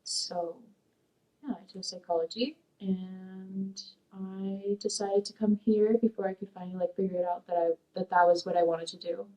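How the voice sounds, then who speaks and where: A young woman of Peruvian origin, raised in Sacramento and now at community college, sits in a dark studio giving rambling, halting oral history answers full of fillers. Her mellow, medium-pitched voice keeps a fairly even, moderate pace, captured from a distance on a rough recording.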